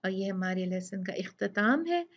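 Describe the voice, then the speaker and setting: A woman teaching a tajweed pronunciation lesson, repeating each sound and word slowly for practice. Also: mid-range voice, expressive, muffled recording. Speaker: Quran recitation teacher.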